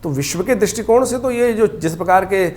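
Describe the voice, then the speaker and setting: Higher-voiced man giving horoscope advice. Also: a little fast, darkish tone, slight background noise. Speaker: astrologer. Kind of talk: horoscope talk.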